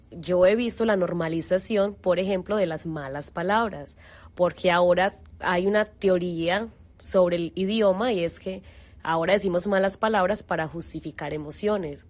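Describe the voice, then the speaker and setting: Young Colombian-accented woman, lower pitch, thoughtful explainer hosting a chat. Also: darkish tone. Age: young adult. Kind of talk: casual discussion.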